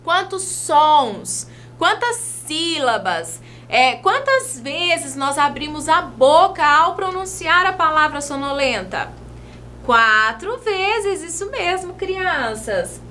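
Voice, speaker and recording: A woman from Brazil gives a video lesson to young children. Her high, lively voice swings widely in pitch, and she talks slowly, drawing out each word. A faint hum sits under the recording. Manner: slow, sing-song teacher talk, stretching words as she writes. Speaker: teacher.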